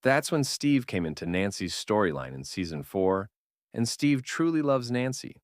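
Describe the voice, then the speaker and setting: A man narrates a scripted video essay in a fairly low voice. His pitch moves around in a lively way, and the recording is dry and close. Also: normal speed, no echo.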